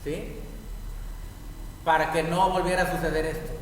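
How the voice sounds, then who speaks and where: A man preaching a sermon as pastor, explaining a prayer slowly and deliberately, word by word. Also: fairly high pitch, little pitch movement. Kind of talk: sermon teaching on Hebrew prayer. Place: congregation hall. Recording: echoey hall, mic far off, faint noise.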